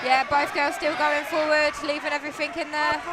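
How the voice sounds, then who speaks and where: High-voiced woman co-commentating a fight. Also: level tone, brisk. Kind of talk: live combat sports commentary. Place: ringside at a fight event. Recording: noisy live venue, crowd behind.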